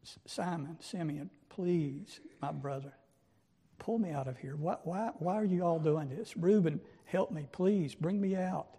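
A man's voice: on the high side, measured pace, warm tone, husky, in a large hall. A man voicing a young man pleading with his brothers to pull him out of a pit. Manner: desperate, begging.

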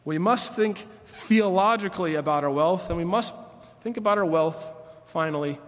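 High-voiced pastor preaching in a reverberant hall. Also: male voice, normal speed, fairly bright tone. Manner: earnest, reads scripture aloud, rises in pitch on key phrases. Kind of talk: sermon.

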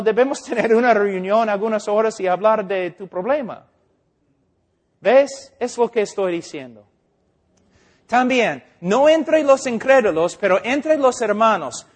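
A male preacher. He is an English speaker, so his phrasing halts and corrects itself. He often checks that his listeners understand. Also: very high-pitched. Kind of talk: informal teaching sermon.

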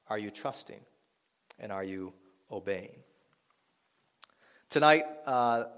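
A man preaching a sermon to a congregation in a church, earnest and swelling to emphatic peaks. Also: fairly low pitch. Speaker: pastor. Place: church sanctuary before a congregation. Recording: long reverb of a large hall.

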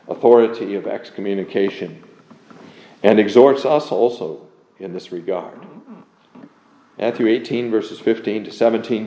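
A man preaching an expository sermon, earnest and measured, reading scripture aloud and leaning hard on key words. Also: fairly low pitch, warm tone. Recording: dull, echoey room sound.

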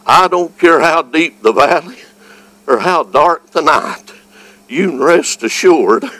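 Preaching a passionate revival sermon in a Southern US accent, this man is folksy and exclamatory, shifting between hushed storytelling and outright shouting. His pitch is fairly high and his delivery animated yet slow, on a rough recording with no room sound.

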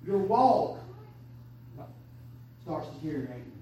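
A woman, preaching an impassioned sermon that swings between hushed and shouted. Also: low-pitched, sing-song, slow pace. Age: 30s. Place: church sanctuary. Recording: echoey church from far off.

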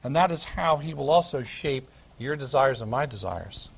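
A man preaching a sermon as pastor, emphatic, with dramatic pauses and repetition. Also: medium pitch, lively intonation, vocal fry.

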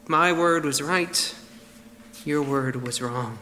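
A male preacher voicing an angry, bitter prophet who is defying God, in a low, disgusted tone. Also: slow pace, pushed and bright, long reverb tail, slight background noise.

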